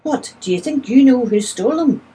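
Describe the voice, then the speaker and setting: A woman's voice: lowish voice, animated, a little slow, mellow, husky, exaggerated voice, low-quality recording. A woman reading as a brusque, imperious lady of the manor. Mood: impatient. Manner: brusque, demanding. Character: imperious, impatient upper-class landowning woman.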